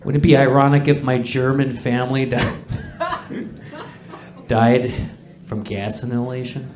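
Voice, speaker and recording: A man performing stand-up comedy to a live audience, with a crude, profane, conversational delivery and dark jokes. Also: mid-range voice, little pitch movement, takes it slowly. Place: indoor pub comedy stage. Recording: echoey live comedy room.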